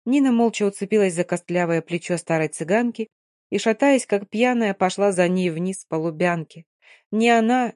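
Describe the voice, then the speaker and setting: A woman narrating a novel in a measured, steady reading voice. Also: mid-range voice, no echo, clean studio sound. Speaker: audiobook narrator.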